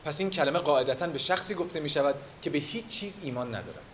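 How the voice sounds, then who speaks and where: Measured reader of fiction; slightly high voice, faint hiss. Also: male voice. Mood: reading. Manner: measured, expressive reading. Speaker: reader at a literary gathering. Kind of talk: reading a novel aloud.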